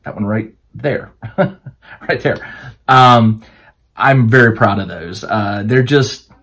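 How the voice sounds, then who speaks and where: A man's voice: lowish voice, slow, fairly bright tone, husky. Rambling man with a tiring voice. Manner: rambling, with many fillers and restarts. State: voice starting to wear out. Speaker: host of a tabletop crafting channel. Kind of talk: casual Q&A chat to camera.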